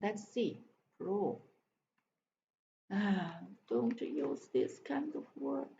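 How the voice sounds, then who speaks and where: A woman's voice: mid-range voice, lively intonation, drawn-out words, creaky, mellow. A woman practising English aloud, stumbling over words and repeating them as she sounds them out, with spoken translations. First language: Chinese. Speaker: English learner reading aloud. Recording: dull lo-fi live-stream audio with faint noise.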